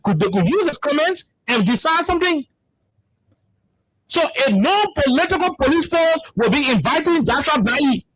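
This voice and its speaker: A man's voice: very high voice, sing-song, moderate pace, a bit bright, rough recording. A man with a Liberian English accent, hosting a heated political panel talk and repeating words as he presses his points. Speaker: talk show host.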